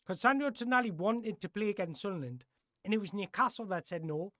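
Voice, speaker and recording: An animated, brisk football streamer with a fairly bright, middle-pitched voice chats casually in reply to viewers. He wanders and reworks his sentences midway. The audio is close-miked and dry, free of room echo.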